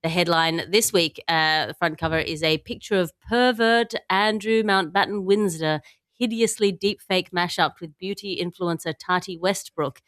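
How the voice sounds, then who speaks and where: Hosting a comedy news podcast, this woman is wry and wordy, shifting from mock-grandiose scripted lines into loose riffs. Her voice is fairly low in pitch and fairly bright, at normal speed.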